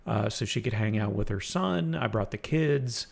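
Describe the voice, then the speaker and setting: In casual conversation, a man tells a personal story, reflective and halting, often restarting his sentences. His voice sits on the low side and sounds gravelly yet animated.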